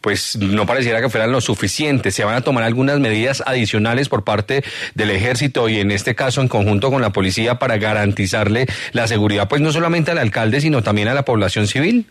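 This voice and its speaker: A man hosts a radio news interview. He asks questions in a formal, measured way at a mid pitch. The studio sound is dry and close. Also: no echo. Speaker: radio host.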